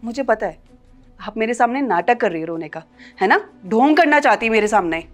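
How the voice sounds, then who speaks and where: An actress playing an outspoken young daughter-in-law who scolds and confronts others in a family short film. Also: female voice, fairly high pitch, animated, a little fast, soft background music, close to an everyday voice. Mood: scolding. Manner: confrontational, scolding, rising loudness.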